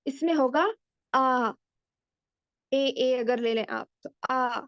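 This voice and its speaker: High-voiced woman teaching slowly. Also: no room sound. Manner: patient, deliberate, demonstrating letter sounds aloud. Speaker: Quran recitation teacher. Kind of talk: slow explanatory lesson mixing Hindi-Urdu and English. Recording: dull lo-fi dry recording.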